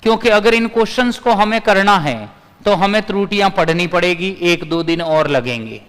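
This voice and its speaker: A man with a high, clear and smooth voice teaches physics in a live online class. He repeats his points and answers viewers' comments as he goes. His voice rings with a long reverb. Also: expressive, normal speed, fairly bright tone.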